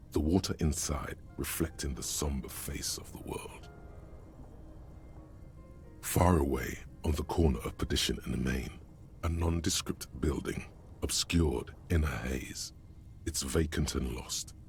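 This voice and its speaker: An actor voicing a brooding, solemn narrator in a video game, speaking slowly and gravely. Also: male voice, a bass voice. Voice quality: gravelly, slow and measured.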